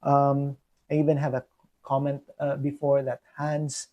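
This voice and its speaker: A young Filipino man with a Filipino accent reflects on personal matters in a vlog, speaking earnestly with plenty of ums and restarts. His medium-pitched, warm voice is completely flat and a little slow, and the sound is lo-fi.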